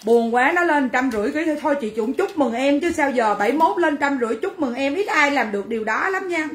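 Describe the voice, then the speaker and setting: A woman's voice: high voice, lively intonation, fast, roomy sound. A woman selling clothes on a livestream, brash and teasing as she banters with viewers. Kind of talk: livestream sales chat.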